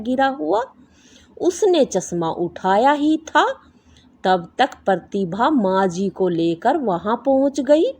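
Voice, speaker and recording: A woman narrating a bedtime story in a slow, expressive storytelling manner. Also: medium pitch, slightly rough.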